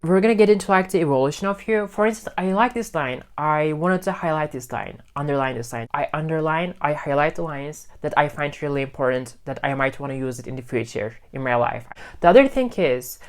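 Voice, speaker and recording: A native Turkish speaker explains his study routine in English for a casual teaching vlog, his voice a little high. Friendly and relaxed, he keeps repeating and rephrasing each idea, trying it two or three ways before moving on.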